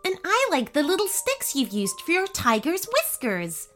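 A woman voicing a playful, imaginative young girl in a children's storybook, gentle and giggly. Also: extremely high pitch, huge pitch swings, moderate pace, soft background music, pitched above the performer's own voice, exaggerated voice.

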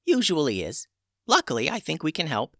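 A wry old witch healer, as a storyteller puts her on, brisk and dry in her manner. Her voice sits higher and livelier than plain talk, and the sound is close and dry. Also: wildly swooping pitch, pushed and bright, no room sound, full character voice. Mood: matter-of-fact. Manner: brisk, matter-of-fact and dry.

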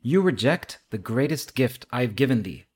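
A man voicing God as a calm, patient figure, in a measured reading. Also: mid-range voice, slightly rough.

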